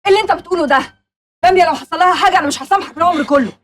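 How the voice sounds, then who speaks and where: A woman's voice: very high-pitched, very fast. An actress playing a woman doctor with an Egyptian accent, reproachful toward a thug and soothing toward a frightened girl. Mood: protective reproach.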